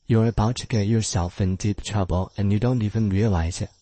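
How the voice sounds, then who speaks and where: Stern blunt man, voiced by a man, dark mellow low voice, dry sound. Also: steady tone, a little fast, no room sound, natural voice. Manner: stern, warning. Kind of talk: dubbed drama acting.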